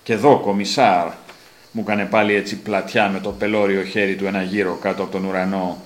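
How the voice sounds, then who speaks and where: A man's voice: sits low, monotone, a bit bright. A man reading his own literary prose aloud, with dramatic rising emphasis on repeated phrases. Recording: roomy echo, faint ambience.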